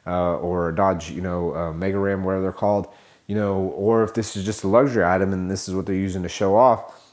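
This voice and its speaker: A man with a somewhat low voice talks alone into a podcast mic, coaching car salespeople. He rambles and restarts often, packing in fillers and self-corrections. He keeps a motivational tone and calls his listeners guys. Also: a little mellow. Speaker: podcast host. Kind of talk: casual podcast monologue.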